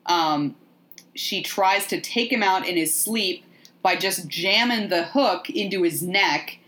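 Woman podcast host, animated and joking, casual movie recap. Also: lowish voice, slow pace.

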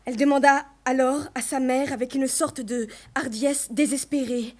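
A woman's voice: high voice, fairly even intonation, moderate pace, a little mellow. A woman reading a novel aloud with dramatic, emotional expression. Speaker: reader. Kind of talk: expressive audiobook narration.

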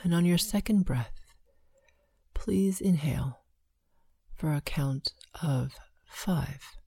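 A woman leading a guided meditation, counting breaths slowly with long pauses between short phrases. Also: low voice, gravelly, mellow, breathy edge, no room sound.

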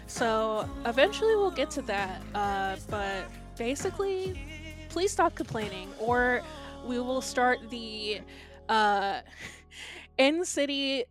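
Female host, fairly high register, informal podcast chat. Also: big pitch swings, takes it slowly, music in the background. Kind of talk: casual chat.

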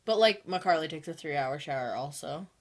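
A young woman co-hosting a podcast, telling stories in casual chat, animated and full of likes. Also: deep voice, moderate pace. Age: young adult. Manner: animated storytelling, many likes, laughs while talking. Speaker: podcast co-host.

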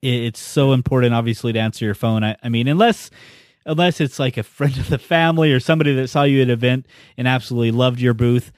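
A man hosting a podcast in relaxed, casual conversation, leading the talk. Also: mid-range voice, fast, no echo, studio quality. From United States. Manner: easygoing, leads the conversation. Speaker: podcast host.

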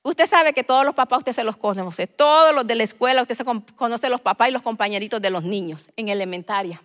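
Female preacher, fervent sermon delivery, sharp tone, reverberant church hall. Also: on the high side, a little fast. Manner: swings from soft storytelling to loud fervent preaching. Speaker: guest preacher. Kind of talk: Pentecostal sermon.

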